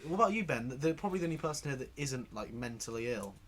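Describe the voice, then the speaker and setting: A man's voice: mid-range voice, sing-song, quick pace, a bit bright. A man co-hosting a casual podcast from a garage, blunt and opinionated, swearing freely. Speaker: podcast co-host. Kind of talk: casual chat. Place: home garage.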